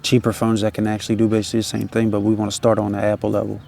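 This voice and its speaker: Low, gravelly, laid-back stoner guy. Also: monotone, racing, a little mellow, a little hiss or hum. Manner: slangy, swearing, repeats tag phrases. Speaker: independent music artist. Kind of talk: casual rambling chat.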